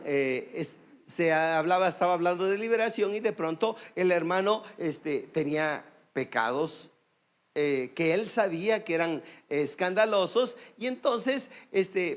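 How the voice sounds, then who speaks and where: A man with a Mexican accent preaching a sermon as pastor, emphatic, calling for amens and telling stories with many fillers. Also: fairly high pitch. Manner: emphatic preaching, calls for amen and applause; storytelling with many "este" fillers. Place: church service.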